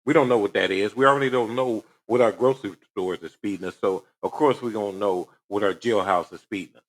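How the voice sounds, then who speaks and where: A man's voice: on the low side, fast. A man hosting reaction commentary on a news clip, talking in a preachy way and firing rhetorical questions. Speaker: commentary host.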